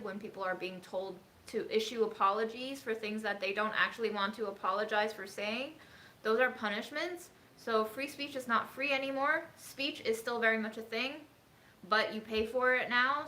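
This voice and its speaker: A woman's voice: mid-range voice, pushed and bright. A woman born in China talks earnestly and outspokenly in a casual cooking vlog from her home kitchen. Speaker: cooking vlogger. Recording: echoey room with faint noise.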